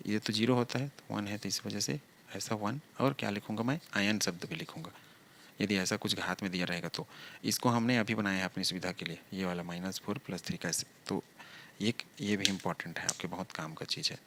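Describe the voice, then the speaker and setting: A man's voice: lowish voice, fairly even intonation, a little fast, fairly bright tone, a little hiss or hum. A male chemistry teacher giving a lecture, talking through each step and asking the class rhetorical questions.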